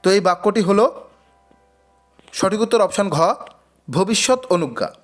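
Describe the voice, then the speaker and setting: A man's voice: high voice, lively intonation, measured pace, soft background music. A man teaching an exam-prep quiz lesson, reading each question twice before giving and explaining the answer. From West Bengal.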